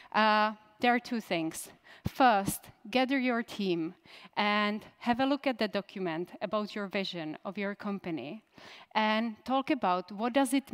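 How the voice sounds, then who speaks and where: A woman in her thirties, a native Czech speaker, giving a conference keynote in a direct style and putting questions to the audience. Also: medium pitch. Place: conference stage.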